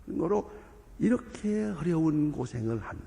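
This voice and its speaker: Older male preacher, booming then hushed. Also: very animated, moderate pace. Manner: swings between booming exhortation and hushed asides, acts out quoted voices. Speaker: pastor. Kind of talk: sermon. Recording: long reverb of a large hall.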